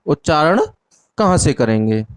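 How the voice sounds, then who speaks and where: A man's voice: on the high side, sing-song, a little slow, clean tone. A man teaching an exam-prep Hindi lesson, asking questions and answering them himself while repeating the key words. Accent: Indian Hindi.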